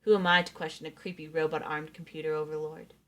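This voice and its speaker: Expressive woman narrating a novel. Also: low voice, quick pace. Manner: expressive reading, acting out the narrator's thoughts. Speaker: streamer reading a novel aloud. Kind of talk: first-person novel narration.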